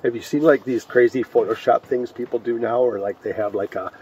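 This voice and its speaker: A man from Michigan trades jokes and reads ghost stories aloud outdoors on a cold night. His voice is mid-pitched and slightly husky. He is picked up from some distance. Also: steady tone, fairly quick, mellow, dull audio. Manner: chatty and jokey, with many fillers. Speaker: co-host of a ghost story show. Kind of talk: casual chat and reading ghost stories aloud.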